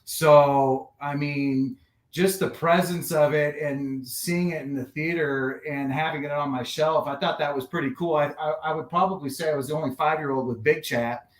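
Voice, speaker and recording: Podcast guest, man in his forties, a bit high, laid-back rambler, roomy echo. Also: normal speed. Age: 40s. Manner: relaxed, rambling storyteller. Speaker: guest collector. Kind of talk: casual podcast chat.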